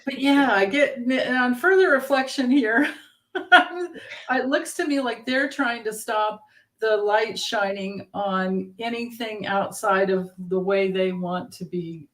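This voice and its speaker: A woman's voice: on the high side, slow. Woman doing a tarot live, laughs a lot, just chatting with the viewers. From Kentucky. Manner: giggly, laughs often, chatty. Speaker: tarot reader co-host. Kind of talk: casual livestream chat.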